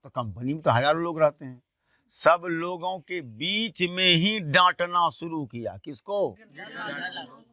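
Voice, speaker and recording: A man teaching a class, retelling a textbook story in a colloquial way and repeatedly asking quick questions that he answers himself. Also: fairly high pitch, lively intonation, pushed and bright, no room sound, clean studio sound. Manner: poses quiz questions and answers them himself.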